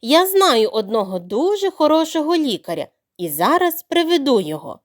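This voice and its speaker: A small, clever duckling from a bedtime audio tale speaks politely and firmly, as a woman voices it. The voice sits a little higher than the storyteller's own, with a lively lift. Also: moderate pace. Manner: polite and firm.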